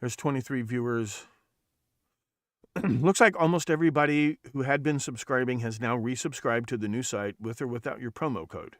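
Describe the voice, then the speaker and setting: Heard in a dry, studio-quality recording, the man has a mid-range voice and talks at a normal speed. As host of a podcast livestream, he wanders from point to point in casual, profane chatter, frequently restarting what he's saying.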